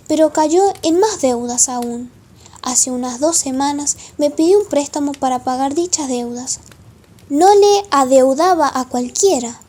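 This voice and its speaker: A woman's voice: sits high, dark tone. A woman playing a proud, defensive Italian male business owner in a formal, wordy radio play style. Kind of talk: amateur radio play acting.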